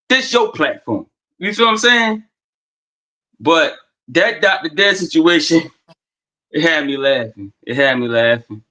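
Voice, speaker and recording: A man who drives trucks, calling in to a live stream and talking loudly and eagerly, often repeating himself. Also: on the high side, poor audio. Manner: loud, animated, repeats himself. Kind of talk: casual chat.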